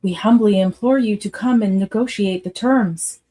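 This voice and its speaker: A woman's voice: mid-range voice, normal speed, mellow, close to an everyday voice. A woman voicing a humble, formal alien envoy in a radio play, speaking with deference. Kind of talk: radio theatre acting.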